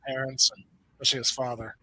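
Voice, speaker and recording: A man's voice: mid-range voice, fast, poor audio. A middle-aged man from the United States hosting a casual movie watch party chat, telling stories animatedly. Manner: animated storyteller, acts out quoted voices.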